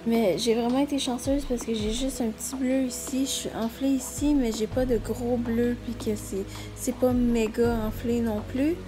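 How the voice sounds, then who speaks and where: A woman's voice: on the high side, fairly even intonation, normal speed, few pauses, over music. A woman with a Quebec French accent talking casually and candidly to her vlog viewers. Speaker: vlogger.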